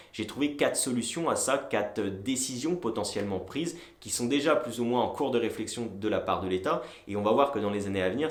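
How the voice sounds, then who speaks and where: A man in his twenties from France, casually explaining to the viewer straight on, with frequent hesitations. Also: mid-range voice. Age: 20s. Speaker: entrepreneur and video host. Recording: echoey room.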